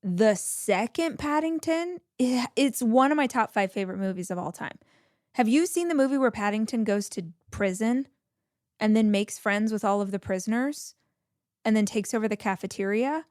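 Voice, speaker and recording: A woman's voice: on the high side, animated, moderate pace, a little mellow, dry recording, studio quality. A woman in her forties hosting her own podcast, talking in a chatty, enthusiastic, bubbly way to her listeners. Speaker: podcast host. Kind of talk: casual solo podcast talk.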